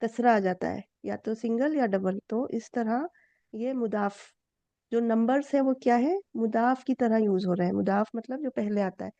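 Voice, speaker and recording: Woman teacher with a dark, dull sound. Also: normal speed, no room sound. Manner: explains step by step, asks students questions. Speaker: Arabic grammar teacher. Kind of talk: online class explanation. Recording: dull low-fi dry sound.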